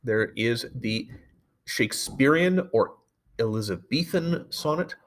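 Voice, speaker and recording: A man's voice: mid-range voice, lively intonation, takes it slowly. A male teacher giving a recorded poetry lecture, explaining in a loose, explanatory way with frequent fillers and self-corrections.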